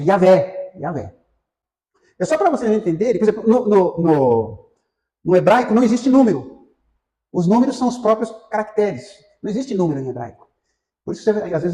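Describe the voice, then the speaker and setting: Brazilian man, Bible class teacher, chatty lecture with fillers, high animated voice, echoey room. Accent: Brazilian Portuguese. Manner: conversational, asks the class questions, many fillers. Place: church classroom.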